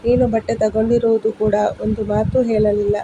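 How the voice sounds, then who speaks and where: A woman's voice: fairly high pitch, flat delivery, moderate pace, muffled recording, noisy background, lightly acted. A woman doing an indignant young wife. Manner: firm, indignant arguing. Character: angry young wife standing up to her mother-in-law.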